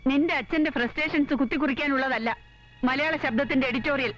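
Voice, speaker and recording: A woman's voice: sits high, fast talker, highs cut off, over music, natural voice. An actress playing a domineering mother and wife who scolds her family sharply. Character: haughty matriarch, mother and wife.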